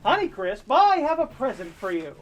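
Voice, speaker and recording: A woman's voice: on the high side, sing-song, normal speed. A woman playing a doting, dorky single dad, earnest and sentimental, in an improvised comedy audio drama. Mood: sheepish affection. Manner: earnest, sentimental pep talks.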